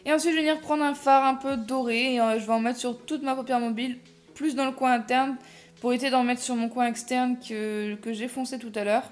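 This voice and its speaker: A woman's voice: a little high, fairly even intonation, brisk. Chatty young woman, faint music behind. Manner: chatty, self-deprecating, many fillers and restarts. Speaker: makeup vlogger. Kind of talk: casual makeup tutorial voice-over.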